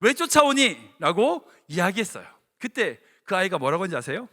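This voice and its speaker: Korean-church pastor type: high, bright male voice, lively storytelling sermon, big reverberant sanctuary. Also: brisk. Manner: animated storytelling, acting out dialogue. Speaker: senior pastor. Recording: long reverb of a church hall.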